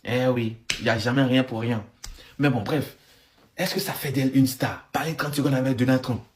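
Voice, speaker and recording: A man giving casual spoken commentary, animated and stammering, often repeating himself. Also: mid-range voice, normal speed, slight background noise. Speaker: online commentator.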